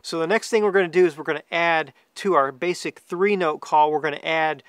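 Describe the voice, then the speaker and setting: Brief: male instructor, forties, from the US, slightly high smooth voice, relaxed explanatory delivery to camera. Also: fairly quick, no echo, clean studio sound. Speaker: duck hunting guide and calling instructor. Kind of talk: informal instructional talk to camera. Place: outdoors among trees, seated.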